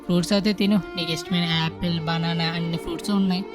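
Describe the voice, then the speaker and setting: A woman's voice: fairly low pitch, level tone, lightly acted. A woman voicing a caring, cheerful uncle who fusses over and coaxes an upset child. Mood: coaxing. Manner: fast, fussing, coaxing. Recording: game music in background.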